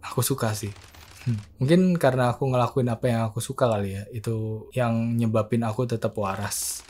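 A man reading out the lines of a lonely ghost pianist who haunts a mansion, slow and wistful, in a horror game. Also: mid-range voice, steady tone, a little mellow, close to an everyday voice. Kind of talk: reading game dialogue aloud.

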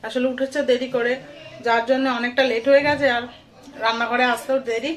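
A woman's voice: fairly high pitch, steady tone, brisk. A young woman from West Bengal, a mother chatting casually to viewers from her home kitchen in a homely vlog. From West Bengal, India. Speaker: vlogger, mother.

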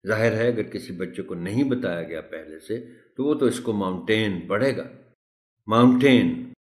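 A man giving a pronunciation tutorial for teachers, slowly drilling single words one at a time. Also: on the low side. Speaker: teacher trainer. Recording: echoey room.

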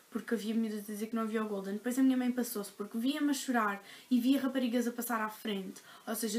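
A woman's voice: fairly high pitch, darkish tone. A young woman in her teens with a European Portuguese accent, telling a story to her vlog audience in a chatty, dramatic way, full of fillers. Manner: chatty, dramatic retelling with frequent "tipo" fillers. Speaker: vlogger. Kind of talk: casual storytelling to camera.

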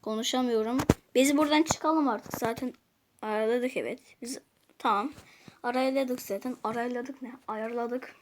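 High-pitched woman doing a chatty game walkthrough, talks to viewers and mutters to herself. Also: normal speed, a little hiss or hum. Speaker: gaming youtuber. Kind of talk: casual gameplay commentary.

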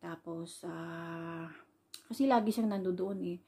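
With a lowish, mellow, slightly rough voice and a slow pace, a Filipino overseas caregiver vlogger casually tells a personal story. Her rambling style is heavy on fillers like "ayan," and she retells quoted dialogue.

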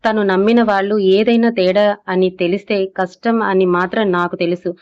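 A woman's voice: mid-range voice, fairly even intonation, a little fast, darkish tone. A woman reading a romantic serial story aloud as narrator, voicing the characters' dialogue in her own voice with little change. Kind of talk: scripted audiobook narration. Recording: slightly dull lo-fi audio.

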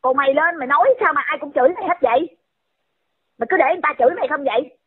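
A woman's voice: high voice, very fast. A woman, scolding someone in a heated rant and firing off repeated insulting questions. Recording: tinny phone-line audio.

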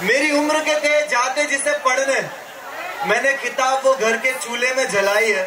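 A young man on stage with a handheld mic, shouting a speech and reciting poetry to his fans. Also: very high-pitched, normal speed, heavy background noise. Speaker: comedian addressing fans. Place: large indoor fan event on stage. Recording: echoey hall, loud crowd, from far off.

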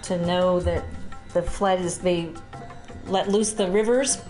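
A middle-aged woman with a lowish voice chats agreeably and backs the others up often. Music plays behind her in a wine shop tasting room. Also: steady tone, slow pace, darkish tone. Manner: agreeable, many mm-hmms. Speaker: wine guest, pilot. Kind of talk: casual chat.

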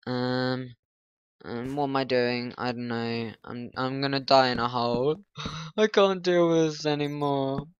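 A man's voice: medium pitch, measured pace, clear, resonant tone, dry recording, muffled recording. A man rambling through let's-play commentary, flustered, grumbling and poking fun at himself. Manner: flustered, grumbling, self-mocking. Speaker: gaming channel host.

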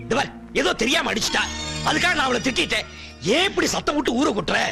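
A harried, pleading husband. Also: male voice, extremely high pitch, animated, fast, gravelly, soft background music, heavily acted. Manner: pleading, placating, exasperated. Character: harried, pleading husband caught between families. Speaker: actor. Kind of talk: Tamil film dialogue. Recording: film scene over loud background score.

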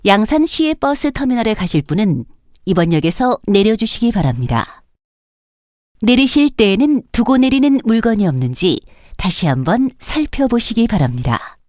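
Woman voicing a prerecorded subway stop announcement, formal and courteous, slightly high, dry studio sound. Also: darkish tone, no echo. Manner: polite, formal, evenly paced. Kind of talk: prerecorded train station announcement.

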